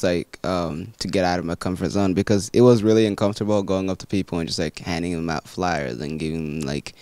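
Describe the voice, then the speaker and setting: A teenage boy from Congo reflects hesitantly, pausing often to gather his thoughts. His voice is very deep, with a dry, close sound. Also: a little mellow, no room sound. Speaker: youth soccer player. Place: indoor room.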